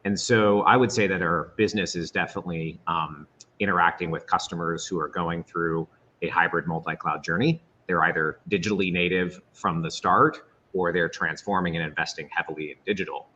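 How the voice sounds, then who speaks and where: A very deep-voiced man speaks as a panelist over a remote conference call that keeps breaking up. He explains things steadily and pauses on "um." The line sounds muffled, with a faint hiss behind him. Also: steady tone, pushed and bright. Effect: breaking-up remote conference call audio. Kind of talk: panel discussion answer. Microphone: remote call microphone.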